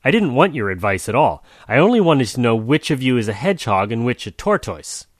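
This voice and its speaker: A man's voice: mid-range voice, sing-song, brisk, no room sound, clean studio sound. A man voicing a confused young male jaguar who complains in a flustered, fussy way.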